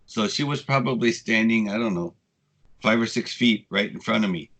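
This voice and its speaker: A man in his sixties, a guest telling casual, rambling stories with frequent swearing, getting animated when he quotes people. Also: fairly low pitch, normal speed. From United States. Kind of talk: casual storytelling interview.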